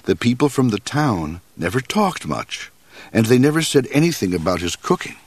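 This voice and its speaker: A man reading a children's storybook aloud in a measured, expressive way. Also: medium pitch, breathy edge.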